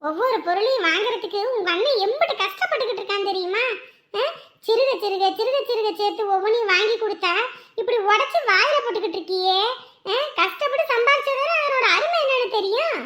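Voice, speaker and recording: An actress playing a sharp-tongued older mother-in-law in a TV serial, nagging and mocking. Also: extremely high pitch, expressive, a little fast. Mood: scolding. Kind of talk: TV serial acting.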